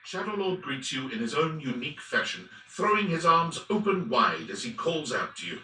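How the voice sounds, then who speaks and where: A man's voice: a little high, very animated, moderate pace, pushed and bright, exaggerated voice. A man playing a dramatic video game narrator, delivering scripted descriptions of the action. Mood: dramatic, descriptive. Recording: roomy, echoing, distant from mic.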